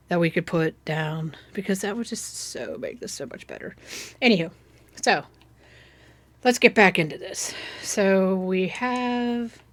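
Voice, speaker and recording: A woman's voice: on the low side, no echo. A middle-aged woman casually chatting through her gameplay, rambling and sometimes coaxing in-game animals in a sweet sing-song. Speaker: gaming YouTuber.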